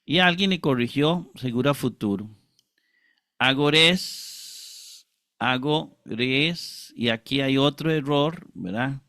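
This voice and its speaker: A man's voice: mid-range voice, a bit bright, no echo, clean studio sound. A man teaching Greek Bible exegesis, reading from ancient manuscripts, carefully spelling out words and often asking for agreement. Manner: slow, deliberate, spells out Greek words syllable by syllable; frequent tag questions and throat clearing.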